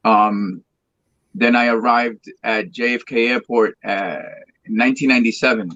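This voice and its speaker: In a casual interview chat, a Colombian guest singer in his thirties, a Spanish speaker, tells his story at a moderate pace. His mid-range voice sounds pushed and bright with fairly even intonation, and he rambles, repeating words and restarting often. The lo-fi recording has no echo.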